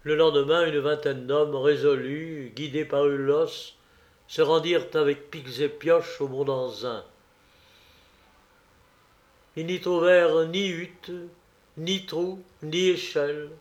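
A man reads a folk tale aloud at an unhurried pace. His voice sits somewhat high for a man. The reading is measured and even. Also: lo-fi sound. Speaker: narrator. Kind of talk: storybook reading.

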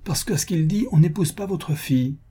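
A man's voice: fairly high pitch, moderate pace, dark tone, slightly rough, voice pushed up. Man doing a haughty old baroness. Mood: haughty pointed. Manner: pointed, incisive tone. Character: scheming older female matchmaker baroness, haughty.

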